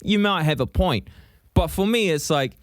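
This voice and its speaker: Here a slightly higher-voiced New Zealander co-hosts the podcast, talking at an ordinary speed in lively, casual chat full of swearing and repeated "you know what I mean." It's a dry, studio-quality recording.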